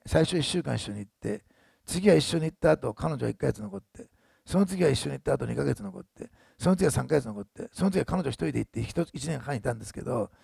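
A man's voice: on the high side, gravelly, dark tone, husky, dry recording, studio quality. A man in his sixties, a pastor telling a story in a sermon, chatty, often adding tag words. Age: 60s. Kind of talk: sermon testimony.

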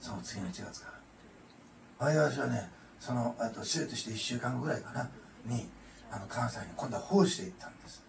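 This man, a pastor, preaches a heartfelt testimony with plenty of "ne" added to his sentences. His mid-range voice carries vocal fry and moves at a moderate pace. The sound is noisy and echoey, picked up from a distance.

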